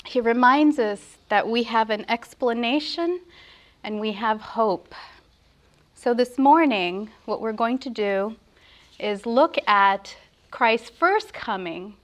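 A woman giving an earnest, reverent sermon at a pulpit microphone, with a prayer and scripture study. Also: fairly high pitch. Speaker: preacher.

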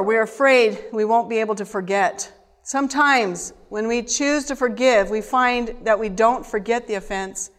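A woman giving a sermon-style teaching to a group, animated, moving between hushed and emphatic delivery. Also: mid-range voice. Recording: long reverb of a hall.

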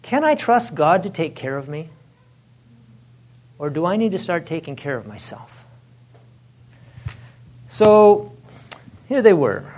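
A man gives an informal lecture on religious history, animated and chatty, laughing often and leaning on "it's like" and "you know." His voice sits high.

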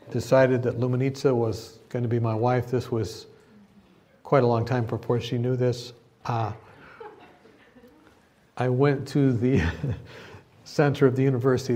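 A man's voice: medium pitch, a little mellow. Playful middle-aged man preaching with humor. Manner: playful, teasing, laughs through his own stories; asks the crowd questions and gets them to answer back. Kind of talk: humorous sermon to students. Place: university gathering.

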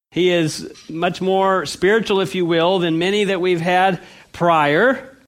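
A man leading a Bible study, asking the audience questions, answering them himself, and reading scripture slowly with emphasis. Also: high voice. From United States. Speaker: Bible teacher. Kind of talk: interactive Bible study lecture.

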